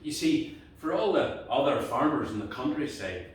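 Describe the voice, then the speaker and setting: A man's voice: medium pitch, big pitch swings, normal speed. A Northern Irish man telling a folk tale live in colloquial language, building it with repeated phrases. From Antrim, Northern Ireland. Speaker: storyteller. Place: indoor cottage gathering. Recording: very echoey room, distant microphone, faint noise.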